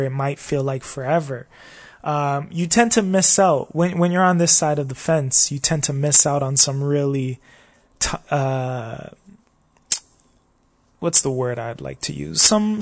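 Rambling man hosting a solo podcast. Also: on the high side. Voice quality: slightly scratchy voice. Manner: rambling and reflective, often asking "you know what I mean?". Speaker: podcast host. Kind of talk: casual solo podcast monologue.

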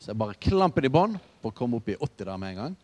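A man preaching a sermon in a relaxed, conversational way, telling stories with asides. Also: mid-range voice. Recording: reverberant hall.

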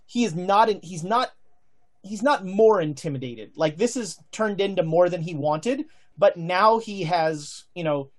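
A man improvising narration as game master of a tabletop game, thinking aloud in halting phrases. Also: on the high side.

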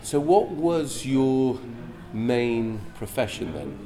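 A man's voice: medium pitch, very animated, slow pace. A man hosting a casual podcast interview, asking questions and reacting briefly. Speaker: podcast host. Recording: crowd chatter behind. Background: crowd noise.

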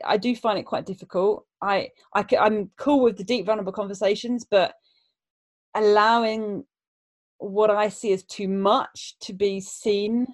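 A woman's voice: mid-range voice, darkish tone. Woman, casual conversation, reflective, hesitant, many restarts. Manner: hesitant, halting, frequent restarts.

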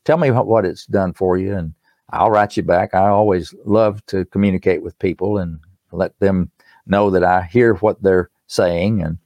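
An older man with an East Tennessee accent talks in a fairly low voice. He explains things in an earnest, folksy way, like a guest chatting about his work. The sound is dry, with very little room. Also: steady tone, normal speed, darkish tone, no echo, muffled recording. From East Tennessee, United States. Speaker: musician and author, interview guest. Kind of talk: conversational promotional talk.

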